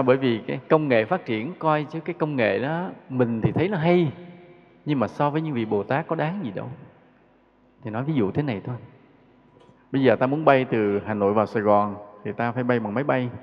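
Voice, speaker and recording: Monk teaching in a hall. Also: male voice, mid-range voice, vocal fry. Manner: conversational, rhetorical questions, chuckles. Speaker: Buddhist teacher. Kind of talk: dharma talk. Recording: dull lo-fi recording with long hall reverb.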